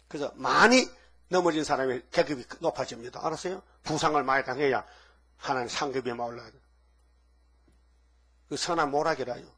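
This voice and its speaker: A man with a husky voice preaching a sermon emphatically, firing off rhetorical questions at the congregation. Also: fairly high pitch, pushed and bright. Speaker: pastor.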